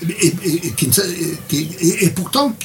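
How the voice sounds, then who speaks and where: A man's voice: high voice, very animated, normal speed, a little mellow, slight background noise. Hesitant man, a bit distant from the mic. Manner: hesitant, repeats words. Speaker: translator presenting a book. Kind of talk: casual interview chat with read excerpt.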